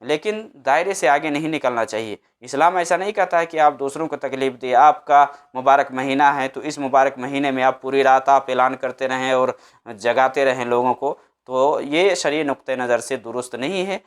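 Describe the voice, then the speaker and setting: With a clean, mid-range voice and moderate pace, a man gives religious guidance as an Islamic preacher responding to a question. He teaches emphatically, hammering home his points through short, repeated phrases.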